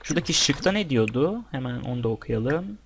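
A young man talks through his gameplay in a casual way, addressing the characters on screen and his viewers by turns. His pitch sits in an ordinary middle range. A faint noise and some clicking run under the recording. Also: expressive, brisk, creaky. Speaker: gameplay commentator. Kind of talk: casual let's-play commentary.

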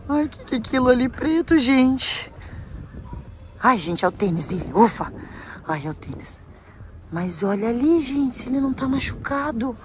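Excitable high-voiced Brazilian woman vlogger. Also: normal speed, slight background noise. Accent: Brazilian Portuguese. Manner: excitable, exclaims a lot, talks straight to viewers. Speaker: family vlogger. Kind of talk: scripted adventure vlog.

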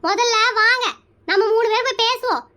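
A woman's voice: extremely high pitch, normal speed, background noise. A woman voicing a pushy, chatty married aunt in a cartoon comedy, who plays matchmaker and talks. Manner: brash, nosy, rambling.

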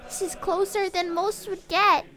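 A man voicing a soft-spoken young woman who adores warships, hushed and tender. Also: very high voice, flat delivery, unhurried, pitched above the performer's own voice, full character voice. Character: breathless ship-loving young woman, Pippa.

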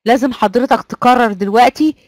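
A woman's voice: on the high side, fairly quick, no echo. Egyptian woman coaxing an online class. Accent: Egyptian Arabic. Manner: coaxing, repeats prompts to the class. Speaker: online trainer.

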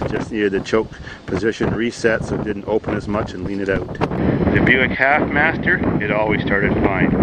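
A man's voice: on the low side, heavy background noise. Rambling man outdoors on a farm. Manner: rambling, jokey, deadpan. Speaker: vlogger. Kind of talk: casual vlog walkthrough.

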